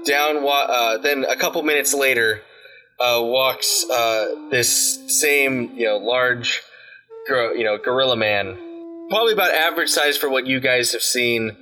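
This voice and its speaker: A man's voice: mid-range voice, measured pace, sharp tone, soft background music. A man narrating a tabletop game as game master, rambling with many fillers.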